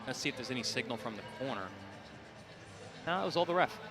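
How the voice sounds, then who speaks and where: A man's voice: mid-range voice, animated, fast. Emphatic male boxing analyst over music. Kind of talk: live fight commentary.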